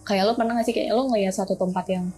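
Husky woman musing aloud. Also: medium pitch, fairly even intonation, rapid-fire, dark tone, faint music behind. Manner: musing, full of fillers. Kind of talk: casual chat.

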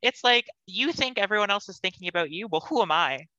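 A woman's voice: mid-range voice, lively intonation, a little fast, sharp tone, dry recording, lo-fi sound. A young woman in her late teens, a podcast guest, talking earnestly and thoughtfully. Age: young adult. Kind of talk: casual conversational interview.

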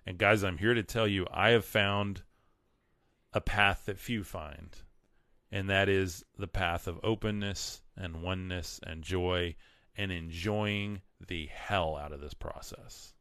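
Deep-voiced man with a West Texas twang. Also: fairly even intonation, slow, bright, forceful tone, no echo, clean studio sound. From West Texas, United States. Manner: earnest, emphatic, repeats words for emphasis. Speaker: livestream host. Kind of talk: casual livestream monologue with read-out comments and quotes.

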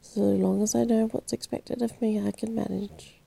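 A woman softly voicing a blunt, brisk middle-aged housekeeper in a whispered role-play bedtime reading. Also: medium pitch, little pitch movement, creaky. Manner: blunt, matter-of-fact.

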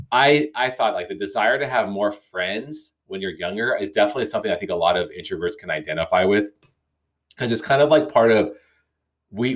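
Guy hosting his own podcast, lowish voice, reads out listener emails and muses on them, lots of little restarts. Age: young adult or middle-aged, parent. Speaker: podcast host. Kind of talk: casual solo podcast talk.

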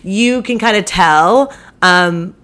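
A woman's voice: medium pitch, slow pace, sharp tone. A young woman casually retelling a night out, chatty and exasperated, with many fillers. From New York. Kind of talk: casual storytelling.

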